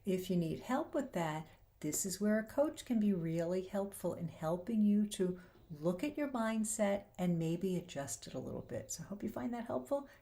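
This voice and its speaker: The host of a faith-based talk show is a woman with a medium-pitched, dark voice, lively intonation, and a moderate pace. She quotes scripture earnestly and encouragingly, though her voice is slightly failing and a little worn.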